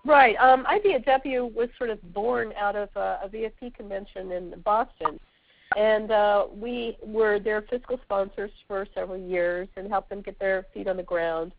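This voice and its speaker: Scratchy, sore-throat woman on a phone line. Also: medium pitch. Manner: halting, searching for words. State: sore throat, sneezing and sniffly with a cold. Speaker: guest speaker, veterans' organization representative. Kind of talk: answering questions on a conference call. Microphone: telephone. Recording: tinny, narrowband phone line.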